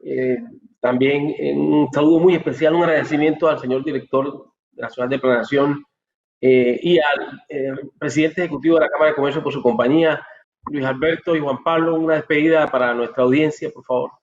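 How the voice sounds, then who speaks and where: A man's voice: fairly high pitch, fairly even intonation, brisk. A Colombian man moderating a live online forum, polite and hesitant with many fillers. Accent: Colombian Spanish. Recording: echoey room, dull lo-fi sound.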